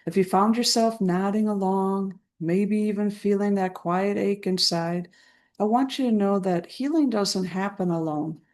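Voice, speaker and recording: A woman coaching listeners through trauma recovery in an unhurried, soothing voice. She lets her words land slowly with deliberate pauses between phrases. Her pitch sits in an ordinary middle range. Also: darkish tone. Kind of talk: slow guided self-help talk.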